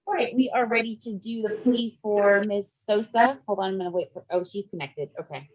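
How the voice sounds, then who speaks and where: An echoey room surrounds this woman's voice, which sits at a middle pitch. She speaks as a presiding judge, working through formal courtroom questions. Her wording is polite, procedural and formulaic. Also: a little fast, a little mellow, a little hiss or hum. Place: remote court hearing, indoor room.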